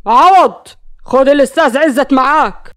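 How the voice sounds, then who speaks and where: A woman voicing an angry, jealous young man who shouts threats, with an Egyptian accent, in an audio story. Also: high voice, expressive, a little fast, dry recording, studio quality. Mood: furious. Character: furious jealous young male strongman.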